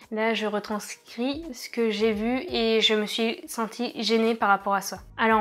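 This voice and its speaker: A young woman from France telling travel stories to camera in a casual, chatty way, with frequent hesitations and wry asides. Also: a little high. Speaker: vlogger.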